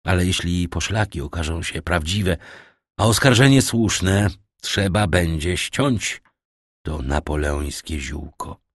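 A courteous, self-assured young prosecutor of an audiobook speaks in a low, measured voice, read by a male narrator. His tone stays polite and formal. The recording is dry. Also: breathy edge, no echo, exaggerated voice.

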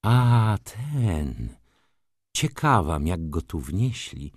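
A man's voice: low voice, sing-song, drawn-out words, slightly rough, no room sound, studio quality, exaggerated voice. A man voicing a young aristocratic lady who speaks in a commanding, lightly condescending way. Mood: poised.

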